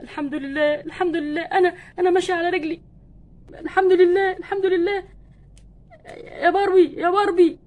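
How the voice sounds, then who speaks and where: A sick, remorseful young husband doll, voiced by a woman who pleads and complains in an Egyptian Arabic accent. The voice sits high and runs quick, a homemade doll-play story with an earnest emotional tone. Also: close to an everyday voice. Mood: tearful joy. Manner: plaintive, pleading, tearful when moved.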